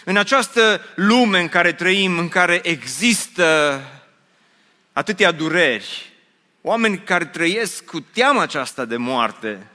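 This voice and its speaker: A man's voice: high voice, animated, bright, forceful tone. A man preaching a sermon to his congregation, telling a story with humor and asking them questions. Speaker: pastor. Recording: long hall reverb.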